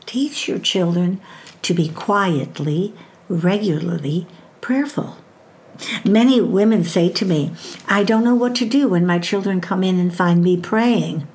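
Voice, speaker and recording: Medium in pitch and darkish in tone, this older woman's voice delivers a devotional on faith and raising children. Her pace is measured and emphatic, easing further on scripture references.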